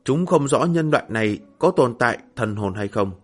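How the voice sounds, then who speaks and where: Male narrator, husky tone, steady read over faint music. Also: medium pitch, moderate pace. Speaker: audiobook narrator. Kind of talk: scripted fantasy novel narration.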